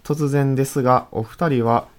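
A man in his thirties with a strong Kansai accent, co-hosting a podcast, reading a listener letter and chatting in a calm, matter-of-fact way. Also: medium pitch, normal speed. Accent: Kansai Japanese. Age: 30s. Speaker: podcast co-host.

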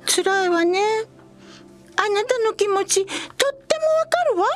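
A bossy but sympathetic little haunted doll in a comedy audio drama. The childlike voice is extremely high and swoops theatrically, with music playing underneath. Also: female voice, animated, a little slow.

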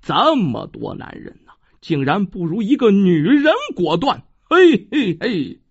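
A storyteller voicing an ugly green-faced mountain god who speaks slowly and pompously. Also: male voice, sits high, very animated, vocal fry, slightly rough, full character voice. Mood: wrathful. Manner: slow, pompous, wrathful. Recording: dull dry lo-fi recording.

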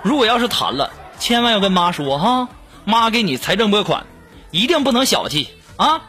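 A man voicing a teasing middle-aged mother who dotes on her son and then mocks him, in his own lower voice. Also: big pitch swings, moderate pace, fairly bright tone, faint music behind. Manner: doting then mocking.

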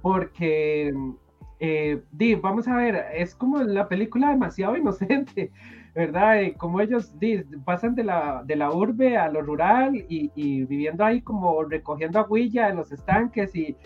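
A man's voice: sits high, lively intonation, normal speed. Costa Rican man, casual chat, sentimental and gushing, filler-heavy, slightly dull audio, faint music behind.

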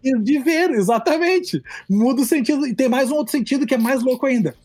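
With a very high-pitched, fast, slightly mellow voice and no echo, a Brazilian-accented man teaches Portuguese in a casual podcast chat. He explains language points with playful examples, in an explanatory, playful manner full of fillers.

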